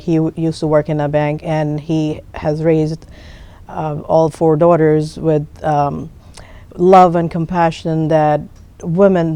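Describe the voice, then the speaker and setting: Female guest from Pakistan, polite and halting, flat mellow delivery. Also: deep voice. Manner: hesitant, polite, many fillers. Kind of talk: TV interview.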